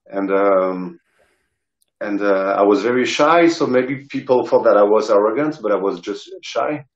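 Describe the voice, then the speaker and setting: A middle-aged man from the south of France, a rock guitarist and singer appearing as an interview guest, tells casual anecdotes in a French accent, hesitating and searching for words. His voice is fairly low and a little slow. The video call from an indoor room sounds roomy and dull.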